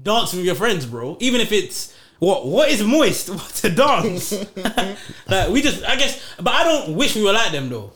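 A man's voice: high voice, big pitch swings, unhurried, few pauses, a bit bright. A young man with a London roadman accent, debating in slangy, questioning casual chat with friends. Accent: London, urban roadman slang style. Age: young adult.

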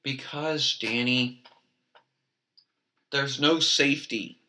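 Exasperated young man with a bright voice. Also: medium pitch, fairly even intonation, slow. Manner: exasperated, defensive, pedantic. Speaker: comedic co-host. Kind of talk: improvised comedy bickering.

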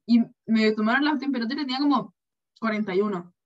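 A young woman with a Chilean accent in casual chat, telling a story with animated asides and acted-out quotes. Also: fairly high pitch, quick pace. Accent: Chilean Spanish. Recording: dull lo-fi sound.

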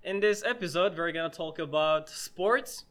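A man's voice: on the high side, moderate pace, a bit bright. A young man hosting a casual podcast chat, talking hesitantly with many restarts and fillers. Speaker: podcast host.

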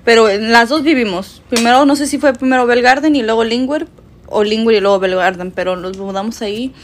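A woman's voice: fairly high pitch, brisk, a little hiss or hum. A woman in her twenties from Mexico, chatting casually as a podcast co-host, laughing often and switching between Spanish and English. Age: 20s. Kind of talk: casual chat.

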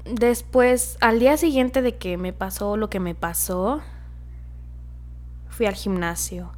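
Slow-talking woman giving gentle advice. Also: medium pitch. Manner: affectionate, chatty, laughs often, drops to a soft murmur. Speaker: podcast host. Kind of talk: casual advice monologue.

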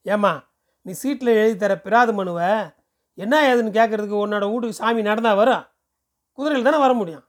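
A man voicing a pushy, smooth-talking male temple ticket seller who lectures briskly and persuasively. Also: sits high, close to an everyday voice. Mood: brisk lecturing.

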